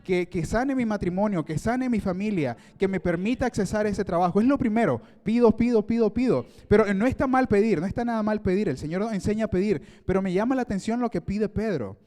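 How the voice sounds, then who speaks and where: Emphatic male preacher, high voice, repeats lines, rhetorical questions, church hall with long echo. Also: fairly quick, few pauses, mellow. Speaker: preacher giving a leadership talk. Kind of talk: sermon.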